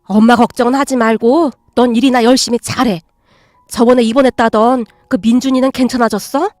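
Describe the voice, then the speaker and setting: A woman voicing a gentle, long-suffering middle-aged stepmother who speaks softly and soothingly, with slightly old-fashioned endings. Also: on the high side, fairly even intonation, a little fast, no echo, studio quality, natural voice. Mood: reassuring.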